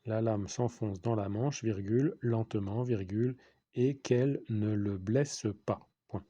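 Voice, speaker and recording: A man's voice: fairly low pitch, a little slow, warm tone, muffled recording. A man with a French accent reading a dictation to schoolchildren, repeating each phrase and saying the punctuation aloud. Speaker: teacher giving a dictation.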